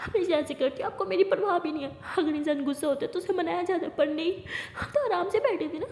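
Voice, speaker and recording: Woman doing a sulky young girlfriend, high scolding voice, roomy echo. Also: quick pace, mellow, lightly acted. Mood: angry. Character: sulky, hot-tempered young woman lover. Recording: echoey room with long reverb.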